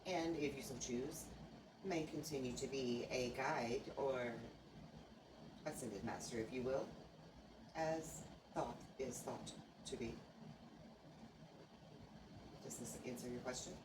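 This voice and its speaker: A woman speaking as a seance medium in trance, with formal, stilted, oracular phrasing and halting pauses, answering questions. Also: extremely low pitch. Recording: noisy, echoey room, far from microphone.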